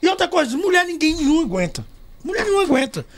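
A middle-aged man, a journalist guest, telling stories loudly and with laughter in a casual podcast chat. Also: extremely high pitch, fast talker. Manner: loud, animated, laughing storyteller.

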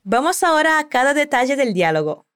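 A woman with a high voice hosts a scripted language podcast. She explains patiently and warmly prompts the listener to repeat each phrase. Her delivery is clear and steady. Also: fairly quick. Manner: clear, encouraging, drilling repetition. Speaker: language teacher host.

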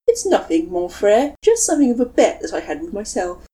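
A woman's voice: medium pitch, big pitch swings, a little fast, dark tone, natural voice. A woman voicing a dramatic, gallant young man who talks in flowery, grandiose phrases. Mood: cheerful.

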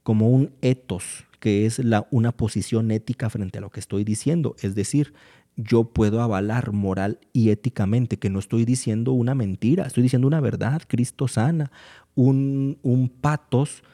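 A Mexican man with a medium-pitched, dark-toned voice appears as a guest in a relaxed conversation about faith. He explains things in a measured way, pausing often.

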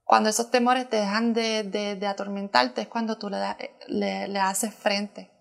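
A woman's voice: mid-range voice, level tone, moderate pace, gravelly. A woman sharing a personal testimony as a church planter in conversation, earnest and emotional, often restarting her sentences.

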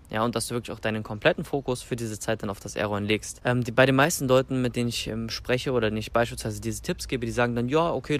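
A man from Germany working as a language coach, giving informal, emphatic instructions in a colloquial, motivational way. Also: medium pitch. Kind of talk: informal instructional talk to camera.

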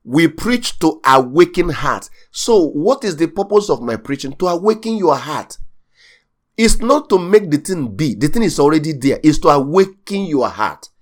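A man's voice: on the high side, very animated, normal speed. A man preaching a sermon as pastor, emphatic and repetitive, with rising bursts of intensity.

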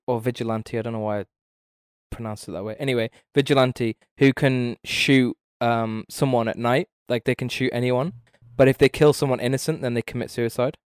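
A man chats about games in a loose, rambling way, with frequent swearing and blunt opinions. His voice is smooth and clear, and it sounds dry and close to the mic, at a middle pitch for a man. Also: no room sound. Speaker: podcast co-host. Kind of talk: casual gaming chat.

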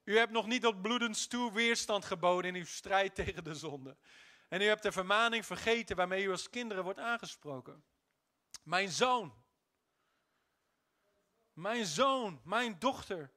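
A man preaching a sermon with animated delivery, calling on the congregation to respond and swinging between soft and loud. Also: high-pitched.

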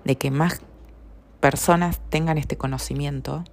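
Low, gravelly Rioplatense woman podcaster. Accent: Rioplatense Spanish. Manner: calm, unhurried, often seeks agreement with tag questions. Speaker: podcast host. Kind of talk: reflective spiritual podcast monologue.

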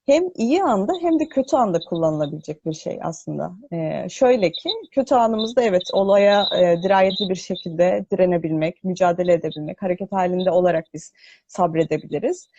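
A woman gives an unscripted religious talk in a soft, mellow voice. She explains step by step with thoughtful pauses. Her voice echoes as if in a cave, and the online audio is slightly muffled. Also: fairly low pitch. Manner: explanatory, hesitant with thinking pauses. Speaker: host of a religious discussion broadcast.

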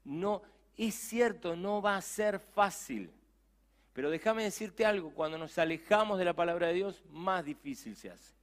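A man's voice: high voice, measured pace. A middle-aged man with a Rioplatense Spanish accent, a youth pastor preaching a sermon with emphatic, conversational asides.

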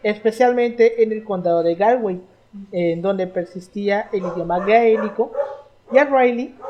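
A woman's voice: medium pitch, a little mellow, slight background noise. Young mexican woman chatting, slangy, tells stories, reads history notes. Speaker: podcast co-host. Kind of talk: casual history chat.

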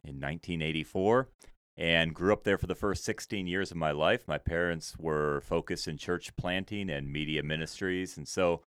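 Deep, smooth-voiced man telling stories. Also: normal speed, fairly bright tone, dry recording, studio quality. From Senegal. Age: 30s. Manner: easygoing, humorous storyteller. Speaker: podcast guest. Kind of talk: conversational storytelling.

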